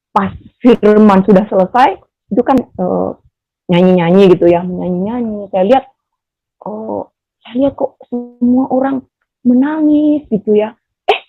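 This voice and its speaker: Hesitant Indonesian woman, husky and dull. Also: dark tone, no echo. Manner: hesitant, many fillers and restarts; rises high and emotional when recalling feelings. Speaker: testimony speaker. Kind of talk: personal testimony.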